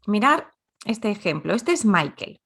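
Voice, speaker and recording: A woman's voice: mid-range voice, very animated, measured pace, a bit bright, husky. A woman teaching a grammar lesson, explaining patiently and repeating example sentences. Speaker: Spanish teacher.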